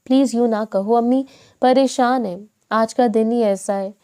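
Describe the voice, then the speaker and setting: A woman voicing a gentle, hardworking young woman who speaks softly. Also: fairly high pitch, fairly even intonation, clear, resonant tone, no room sound, studio quality, lightly acted. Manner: soft, hurried.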